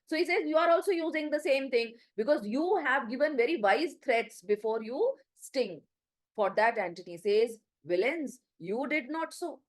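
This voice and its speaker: A woman's voice: high-pitched, lively intonation, moderate pace, low-quality recording. A woman teacher with an Indian English accent, explaining a play line by line, reading quotes and paraphrasing them with many fillers. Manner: reads quotes then paraphrases in plain words, many "uh" and "you know".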